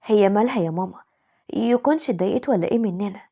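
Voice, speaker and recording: A woman with an Egyptian accent voicing a naive, chatty young sister-in-law in an animated story, in a breathy voice. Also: medium pitch, rapid-fire.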